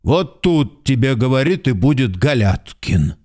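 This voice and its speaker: A man acting out a sly, half-drunk manservant in a radio drama, with a middling voice. He drones on at a slow, stubborn drawl, circling back to the same phrases and dodging every question. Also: mid-range voice, very animated, a little mellow. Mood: droning. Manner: slow, droning drawl with repeated "he says".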